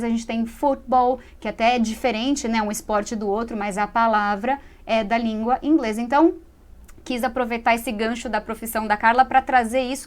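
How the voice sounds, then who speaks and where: A woman with a Brazilian Portuguese accent hosting a TV English lesson, explaining step by step and often adding "né?". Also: a little high. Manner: explanatory, frequent tag "né?". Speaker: English teacher and show host.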